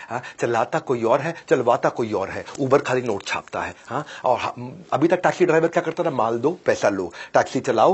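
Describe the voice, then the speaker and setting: A man giving a motivational business lecture, emphatic and repetitive, swinging from loud declarations to low, dropped phrases and often telling the listeners to listen. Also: slightly rough. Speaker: business coach.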